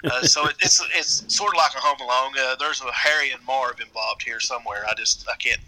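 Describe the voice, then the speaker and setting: A middle-aged man with an Appalachian accent, telling a story casually in a halting, rambling way. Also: medium pitch, bright, forceful tone, low-quality recording. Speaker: guest storyteller.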